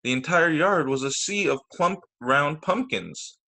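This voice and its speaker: Over a video call, a man plays teacher, reading a children's storybook with deliberate stress on key words and quick asides to his audience. His voice is a little high, expressive and gravelly, with a bright, forceful tone.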